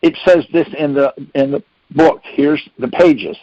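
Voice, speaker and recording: A man with a fairly high, mellow voice speaks at a measured pace, leading a conference call. He gives an informal, folksy instructional talk, using rhetorical questions and checking in often. The dry recording has the dull, lo-fi sound of conference call audio.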